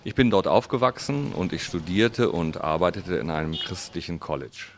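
Low-voiced male interpreter. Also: normal speed, a little hiss or hum. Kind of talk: voice-over translation.

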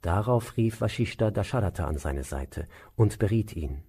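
Mellow-voiced male storyteller. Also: lowish voice, animated, moderate pace, slightly rough. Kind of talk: reading a legend aloud.

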